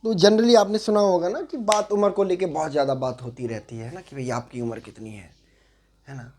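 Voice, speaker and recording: His voice slightly high, steady, and darkish, a twenty-something instructor runs an exam-prep reasoning class. He speaks slowly in Hindi sprinkled with English, asks tag questions, and echoes words as he writes on a board.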